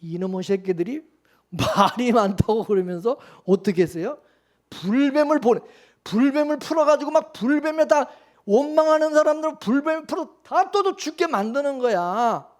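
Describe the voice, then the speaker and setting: A man's voice: extremely high pitch, animated, normal speed, a little mellow. A man preaching a sermon as the pastor, in a loose conversational way, constantly throwing questions back at the congregation. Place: church.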